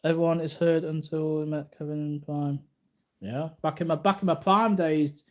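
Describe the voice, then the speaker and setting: A martial arts vlogger in his early forties, with a slightly high voice, talks off the cuff to his viewers at a normal speed and a steady tone. He rambles casually and boastfully, circling back to repeat his phrases.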